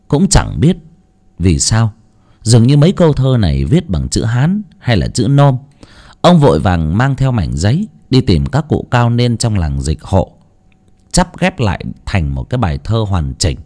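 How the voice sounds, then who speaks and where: A man narrating a ghost story with an expressive, dramatic reading. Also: fairly low pitch, moderate pace. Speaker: audiobook narrator.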